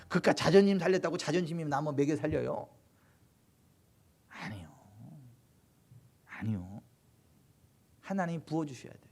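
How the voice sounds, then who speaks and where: A male pastor preaching a sermon, emphatic and full of rhetorical questions, swinging between loud exhortation and hushed low passages. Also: vocal fry. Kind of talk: Korean sermon at a Friday late-night service.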